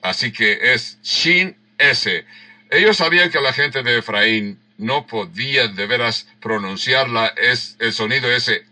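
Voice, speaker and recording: A male pastor with a very bright, forceful voice, teaching scripture at an unhurried pace. He works through the passage line by line, repeating key words to make the sounds clear. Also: mid-range voice. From Mexico. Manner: unhurried, rereads verses and acts out the quoted lines; explains word sounds with emphatic repeats. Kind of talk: sermon teaching verse by verse.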